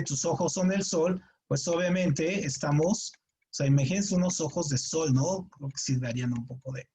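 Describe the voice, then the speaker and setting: A man's voice: on the high side, a little mellow. A man teaching a creative writing workshop, explaining in a chatty, digressive way and often checking with his students. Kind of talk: classroom lecture with anecdotes.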